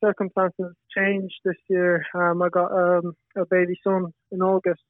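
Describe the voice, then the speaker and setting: A young Galway footballer with a west of Ireland accent answers casually as a podcast guest, his voice high, flat and unhurried. The recording is dry and comes through a tinny, band-limited line that sounds like radio.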